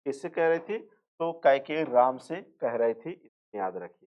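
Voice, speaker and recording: A man's voice: mid-range voice, expressive, unhurried. A male teacher giving an exam revision lecture, repeating points, asking and answering his own questions, and slipping into rural dialect for jokes. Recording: tinny phone-like sound.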